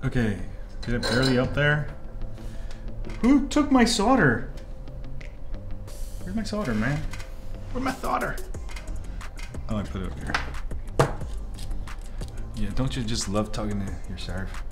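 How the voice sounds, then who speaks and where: This 3D printing tutorial host, a man who grew up in Korea and speaks Korean natively, talks a little slowly and pauses often over music while explaining soldering at an indoor workbench. His chatty, rambling delivery leaps into excited high exclamations and muttered asides. The shot shows only his hands, with the mic off-camera.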